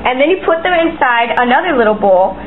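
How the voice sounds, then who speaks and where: A woman's voice: high voice, animated, a little fast. A woman presenting a homemade cooking demonstration, bossily giving instructions and scolding her helper. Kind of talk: homemade cooking demo chat. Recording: tinny lo-fi home camera with clear noise.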